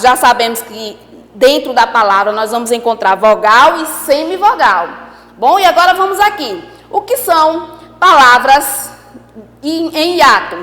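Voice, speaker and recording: A woman teacher giving an online class, lively, asking the class questions and repeating key points. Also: high voice, reverberant, long reverb tail.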